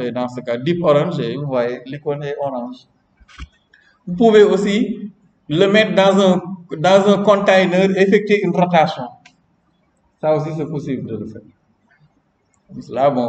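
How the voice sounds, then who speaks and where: A man's voice: on the high side, darkish tone, a little hiss or hum. A man instructing a class in programming during a live coding lesson, chatty and often checking in with the students. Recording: roomy, dull lo-fi classroom recording with long reverb.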